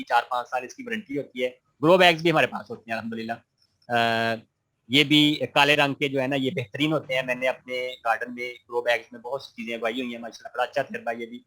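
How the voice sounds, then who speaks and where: A man's voice: medium pitch, fairly bright tone. A man teaching an online gardening class, reading out students' questions and answering them patiently and encouragingly. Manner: friendly, encouraging, many religious phrases.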